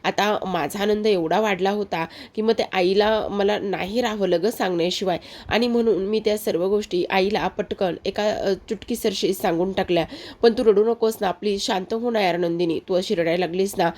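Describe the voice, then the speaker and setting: Woman voicing a gentle, coaxing young husband. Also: medium pitch, moderate pace, close to an everyday voice. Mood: soothing. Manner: soothing, coaxing.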